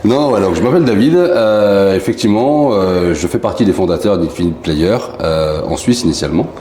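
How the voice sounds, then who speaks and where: Company founder from Marseille, low voice, easygoing storyteller, roomy sound with faint noise. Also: male voice, brisk. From southern France, Marseille. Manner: relaxed, rambling storyteller with many fillers. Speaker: company founder, interview guest. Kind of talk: casual interview chat. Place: indoor bar room. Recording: echoey room, faint background noise.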